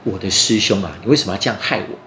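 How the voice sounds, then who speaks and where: A man's voice: lowish voice, very fast, sharp tone. A man voicing a wronged, trusting male prisoner in a children's story, earnest and lamenting. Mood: sorrowful. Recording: roomy echo, faint background noise.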